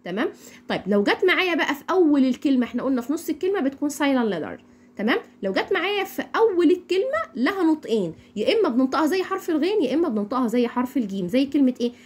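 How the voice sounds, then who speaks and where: A young woman with an Egyptian accent teaching English phonics, repeating each word slowly for learners to echo. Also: high-pitched, very animated, a little mellow. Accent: Egyptian Arabic. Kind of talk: phonics lesson.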